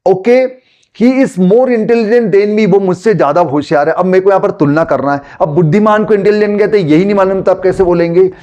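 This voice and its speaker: A man from Gujarat with a Gujarati accent, a native Gujarati speaker, teaching spoken English in a relaxed conversational way and slowly repeating example sentences. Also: high voice. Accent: Gujarati-accented Hindi. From Gujarat, India.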